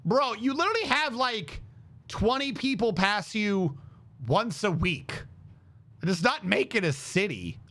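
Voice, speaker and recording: High, animated, sweary male gamer. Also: unhurried. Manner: sweary, mocking, reactive. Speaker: gamer playing and commenting. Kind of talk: casual game commentary.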